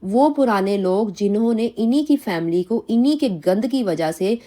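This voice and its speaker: A woman's voice: medium pitch, lively intonation, dark tone. A woman reaction vlogger with a Pakistani Urdu accent, giving heated commentary on online drama and rambling indignantly with many restarts.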